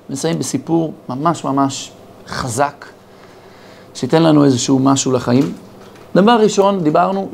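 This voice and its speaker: A man's voice: on the high side, gravelly, slight background noise. A man, a rabbi with an Israeli accent, giving a sermon full of parables and acting out the dialogue in his stories. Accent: Israeli Hebrew. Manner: animated storyteller acting out dialogue.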